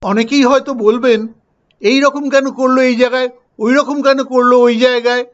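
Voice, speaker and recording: A man's voice: extremely high pitch, steady tone, normal speed, lo-fi sound. An older man from India chatting casually in a film review vlog, telling personal anecdotes as he goes.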